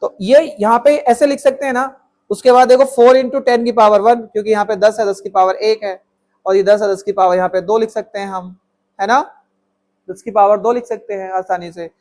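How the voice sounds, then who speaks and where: A man with a notably high voice explains place value to students. He mixes English number words into Hindi and answers his own questions on their behalf. He keeps checking they follow with short "all right?" tags. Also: steady tone, moderate pace, darkish tone. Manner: talks students through steps, voicing their answers himself; calls the viewer "my child" affectionately. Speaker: maths teacher. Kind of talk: classroom maths lesson.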